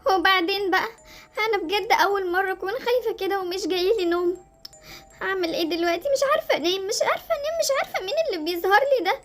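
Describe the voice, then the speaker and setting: A woman's voice: extremely high pitch, big pitch swings, very fast, hardly any pauses, fairly bright tone, soft background music, full character voice. A woman voicing a frightened young girl who sees a ghost, with an Egyptian accent, pleading and screaming. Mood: frightened whisper. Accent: Egyptian Arabic. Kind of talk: Roblox story voice acting.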